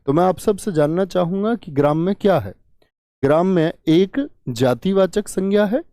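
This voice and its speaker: A man's voice: fairly high pitch, dark tone, no echo, clean studio sound. A man teaching Hindi grammar in a live online exam-prep class, asking questions and repeating key words. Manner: asks and answers his own questions, repeats key words.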